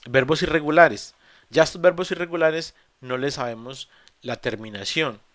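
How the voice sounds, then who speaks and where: A man's voice: a little high, moderate pace, a bit bright, no room sound. A man teaching English grammar in an online class, explaining rules step by step in a patient way with frequent fillers and restarts. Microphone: computer mic in a video call.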